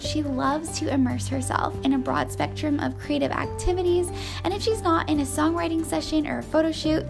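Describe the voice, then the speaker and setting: A woman hosts a podcast interview. Her voice sits high and has a gravelly edge, and she sounds upbeat and effusive. Faint music plays underneath. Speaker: podcast host.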